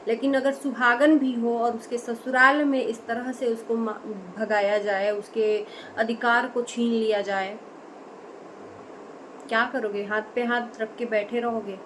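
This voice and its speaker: A fairly high-pitched woman from India offers pointed, opinionated vlog commentary, emphatically pressing her case with rhetorical questions. She is an online commentator, and the poor-quality audio has noticeable background noise.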